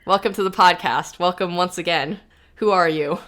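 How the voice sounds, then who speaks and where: A woman's voice: lowish voice, moderate pace, a bit bright. A woman hosting a podcast in casual chat, rambling and self-deprecating with frequent laughs. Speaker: podcast host.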